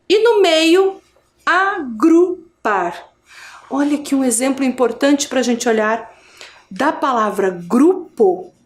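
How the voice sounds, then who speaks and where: A woman teacher with a Brazilian accent leads an adult education video lesson. She spells out syllables slowly and clearly. Her high voice rises and falls in wide, lively swings. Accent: Brazilian Portuguese.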